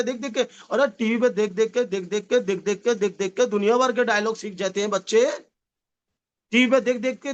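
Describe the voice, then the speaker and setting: A man giving a lively motivational sales seminar, repeating phrases and calling the audience his dear friends, with a slight touch. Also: very high-pitched. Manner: animated, repetitive, addresses audience as "my dear friend". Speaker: network marketing trainer.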